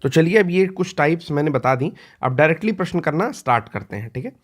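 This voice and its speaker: Guy teacher doing exam prep lecture, kinda high voice, repeats words slow, clears throat a lot. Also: expressive. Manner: explanatory, repeats key words slowly, frequent "ठीक है".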